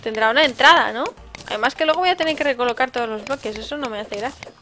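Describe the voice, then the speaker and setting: A high, bright woman's voice with a Spain Spanish accent, commenting on gameplay in a chatty, excitable way. Faint game music plays behind her. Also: fast. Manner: chatty and excitable, with sudden exclamations. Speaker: let's-play host.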